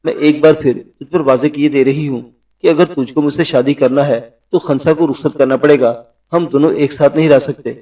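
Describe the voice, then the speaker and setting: A man's voice: fairly high pitch, steady tone, mellow, far from the mic, close to an everyday voice. A man voicing a distressed, stubborn young woman in a spoken story. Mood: defiant.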